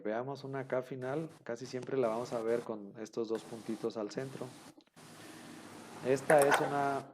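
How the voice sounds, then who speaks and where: A man's voice: medium pitch, darkish tone, a little hiss or hum. A man explains a rule to his students, going over it again and again. He talks patiently, with plenty of fillers and small restarts. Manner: patient, repeats rules, many fillers. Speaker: Hebrew teacher. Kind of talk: online class explanation.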